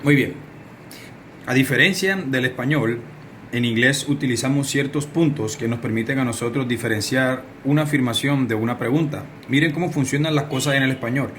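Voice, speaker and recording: A man's voice: medium pitch, moderate pace, fairly bright tone, slight background noise. Man teaching an English lesson. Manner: explanatory, addresses students directly. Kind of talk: recorded video lesson.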